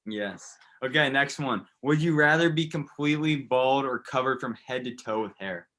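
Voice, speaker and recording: A young man with a bright, forceful voice runs a casual sports interview. He keeps it light and jokey as he reads out would-you-rather questions, and his voice sits at an ordinary middle pitch for a man. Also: moderate pace.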